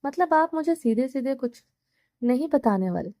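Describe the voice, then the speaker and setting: A woman's voice: sits high, expressive, warm tone, dry recording. A woman voicing a proud, defiant young wife in an audio novel, stubborn and spirited.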